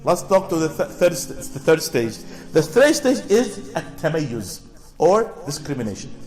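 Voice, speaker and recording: Man, high-pitched voice, public lecture, rhetorical questions, call-and-response with audience, repetitive phrasing, faint background music. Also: big pitch swings, a little slow, darkish tone. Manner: asks rhetorical questions and answers them; repetitive, with frequent restarts.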